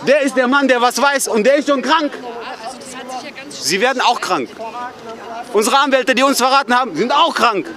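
Very high-voiced man shouting questions. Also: moderate pace, pauses often, a crowd in the background. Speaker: protester. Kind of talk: angry street confrontation. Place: outdoors at a street memorial.

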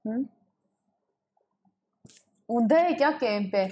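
A woman's voice: fairly high pitch, animated, slow pace, warm tone, husky. Young female streamer, giggly and chatty, casual home webcam chat. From Pakistan. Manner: giggly, chatty, greets viewers and reads chat aloud. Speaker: gaming livestreamer. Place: home room with a ring light. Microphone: webcam setup.

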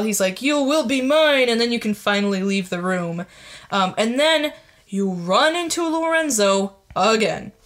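A woman co-hosting a video game podcast, chatting casually with quick asides and frequent giggles. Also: medium pitch. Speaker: podcast co-host. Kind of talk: casual game review chat.

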